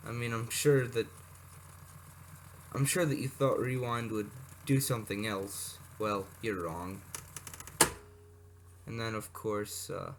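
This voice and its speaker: A hobbyist presenter with a lowish, fairly even voice talks slowly and pauses often while showing vintage electronics. His off-the-cuff show-and-tell wanders through asides and self-corrections, captured in a noisy amateur recording full of clicks.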